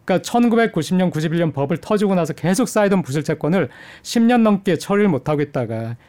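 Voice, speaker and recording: A middle-aged man, an economics professor, gives measured interview answers with frequent hesitation fillers. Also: high-pitched, animated, mellow. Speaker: economics professor, studio guest.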